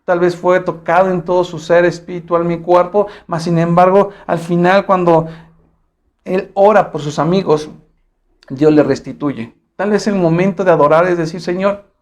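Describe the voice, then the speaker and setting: A man with a Mexican Spanish accent preaching a sermon, earnest, building to emphatic repeated phrases and then dropping soft. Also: high-pitched, fairly even intonation, moderate pace, muffled recording.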